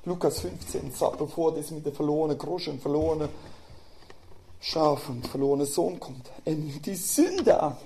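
A middle-aged man preaching a sermon, telling personal stories and swinging between quiet asides and loud, emphatic outbursts. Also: fairly high pitch, animated, moderate pace, gravelly, a little hiss or hum.

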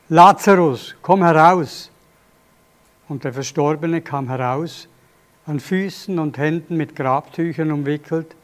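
A man reading Bible passages aloud in a steady, measured way during a teaching session. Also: a little high. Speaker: scripture reader.

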